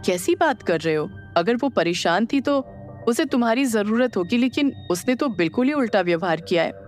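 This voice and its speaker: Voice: medium pitch, lively intonation, normal speed, faint music behind, natural voice. A narrator voicing an irritable, sarcastic young male spirit in an audio drama. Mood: puzzled. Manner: snappish, sarcastic.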